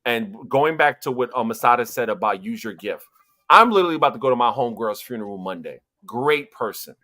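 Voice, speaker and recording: Hosting a casual livestream panel on a video call, a New York-accented man talks fairly quickly at a medium pitch. His expressive, bright and forceful delivery is emphatic and motivational, with points repeated for effect.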